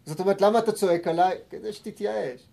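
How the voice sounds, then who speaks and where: A Torah teacher gives a lesson in a fairly high, gravelly voice. He reads the sources slowly and calmly, then acts out heated arguments in sudden loud bursts.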